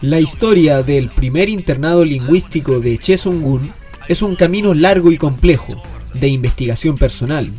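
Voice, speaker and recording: A man with a slightly high voice reads scripted documentary narration in a measured, even way. Faint music plays beneath his voice. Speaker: podcast narrator. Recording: narration over background music.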